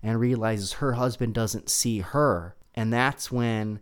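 A man co-hosting a casual chat about films, relaxed and joking, thinking aloud as he goes. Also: medium pitch, slow pace, clear, resonant tone. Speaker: podcast co-host. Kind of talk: casual film review chat.

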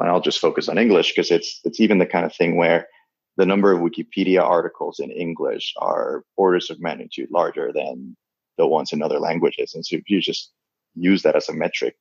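A Dominican man whose native language is Spanish speaks as an interview guest in a deep, gravelly, husky voice. His talk is thoughtful but halting, full of pauses, restarts and fillers as he works through his ideas. The recording is dry and somewhat dull.

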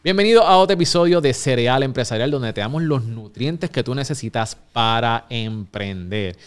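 A man hosts a podcast in an upbeat way, addressing his listeners directly. His voice is smooth and clear, set at an ordinary middle pitch. He speaks from a recording studio. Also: expressive, moderate pace. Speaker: podcast host. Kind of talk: energetic podcast hosting with promotional reads.

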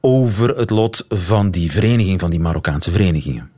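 A man's voice: deep voice, expressive, dark tone, dry recording, studio quality. Een Vlaamse man die als radiopresentator gesprekken leidt en kordaat doorvraagt. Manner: brisk, probing questions. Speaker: radio host. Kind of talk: radio interview. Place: radio studio.

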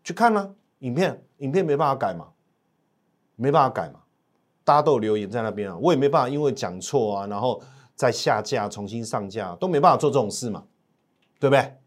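A man with a Taiwanese Mandarin accent hosting a stock market show, keeping up excitable commentary, firing rhetorical questions at his audience and now and then breaking into loud, high-pitched shouting. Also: a little fast.

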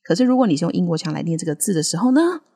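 A woman co-hosting a casual podcast lesson, modelling English words slowly between frequent laughs. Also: fairly low pitch, sing-song, dark tone, slightly rough. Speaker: podcast co-host teaching English accents. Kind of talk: casual language-lesson chat.

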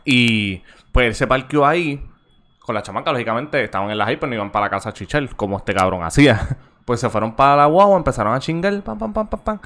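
A young man with a Puerto Rican accent tells a crude anecdote in loose podcast banter. His voice is smooth and resonant, and he sits at a middling pitch for a man. He swears freely and acts out the story as he goes. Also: fast talker. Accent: Puerto Rican Spanish. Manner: profane, animated anecdote telling. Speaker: podcast co-host. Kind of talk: casual chat, storytelling.

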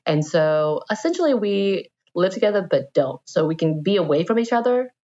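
A woman co-hosts a podcast from her dining room in a relaxed chat format. Her voice is low for a woman, and the home internet-call recording sounds slightly dull. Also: normal speed. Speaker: podcast co-host. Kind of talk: casual chat. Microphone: home microphone and headset over an internet call.

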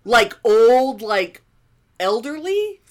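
A woman in her fifties co-hosts a casual podcast chat, her voice on the high side and her words drawn out. She swears freely and tells stories with lots of energy.

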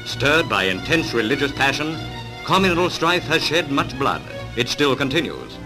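A man's voice: mid-range voice, big pitch swings, moderate pace, rough recording. A man narrating an old 1940s newsreel clip with a dramatic announcer delivery. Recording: newsreel narration over loud music.

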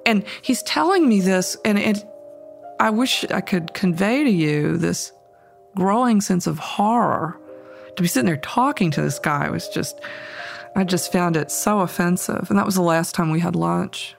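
A woman's voice: on the low side, expressive, normal speed, creaky. A woman on archival tape recounting a personal memory, vividly acting out both sides of a conversation, with faint music underneath.

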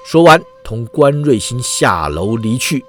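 A man telling a martial-arts story in an animated way, drawing out particles at line ends. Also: mid-range voice, faint music behind. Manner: animated, many drawn-out particles.

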